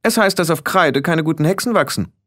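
A haughty teenage witch girl, put on by a male audiobook narrator, talks down to everyone in clipped, imperious tones. The voice sits well above his own and swings widely in pitch as she lectures and sneers. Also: expressive, brisk, fairly bright tone. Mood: condescending. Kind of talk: audiobook character voice.

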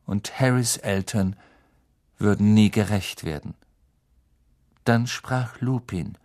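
A man narrating a novel as an audiobook in a dramatic, deliberate reading. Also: on the low side, darkish tone.

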